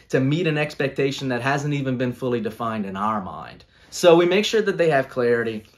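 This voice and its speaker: A man in his thirties, earnest and coaching in tone, talking about leadership on a video call from a small room at home. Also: medium pitch. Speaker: guest speaker on leadership.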